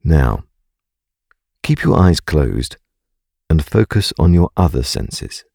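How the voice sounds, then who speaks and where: A man narrating a scripted guided meditation in a calm, gentle, soothing and unhurried way. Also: rumbling low, gravelly, husky, no room sound, clean studio sound.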